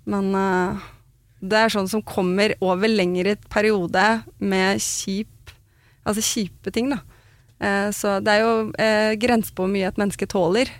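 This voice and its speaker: A woman speaks in a relaxed conversational chat, frank and blunt as she tells her own story, with mild swearing. Her voice sits at an ordinary middle pitch and sounds close and dry, with no room echo. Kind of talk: casual chat.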